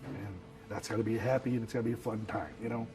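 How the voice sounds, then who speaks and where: A man, telling his story in an interview in a halting, soft-spoken way, filling his talk with "you know.". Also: fairly low pitch, fairly even intonation, rough recording. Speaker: actor who works as Santa, telling his story.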